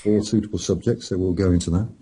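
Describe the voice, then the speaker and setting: A middle-aged man, an author, chatting casually in a slow, rambling, storytelling way with a chuckle here and there. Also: fairly even intonation, dark tone, poor audio. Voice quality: very deep gravelly voice. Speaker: author and podcast guest. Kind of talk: casual chat.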